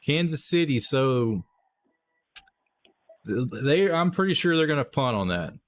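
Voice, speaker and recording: In an unhurried, sing-song, mid-range voice, a Texan man narrates play-by-play live on his stream. He stays chatty and upbeat, talking straight to the people watching and giving chat shout-outs along the way.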